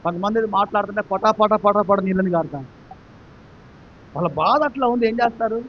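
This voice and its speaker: A man from Andhra Pradesh with a Telugu accent, preaching a sermon and acting out the characters, dropping quiet and then swelling loud. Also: sits high, fairly quick, dull audio, slight background noise. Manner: dramatic storytelling preacher, acts out the characters, swings between quiet and loud. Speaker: pastor.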